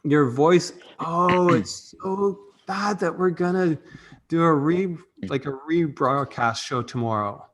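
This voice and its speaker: A man's voice: on the high side, takes it slowly, a bit bright. A man hosting a live marketing show, upbeat and joking in casual chat. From Canada. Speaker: podcast host.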